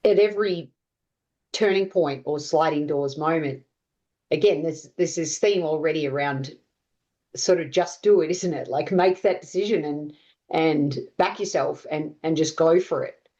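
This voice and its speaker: A woman's voice: sits low, unhurried, warm tone, muffled recording. A woman hosting a coaching podcast, asking long, enthusiastic questions of her guest. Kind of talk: interview questions.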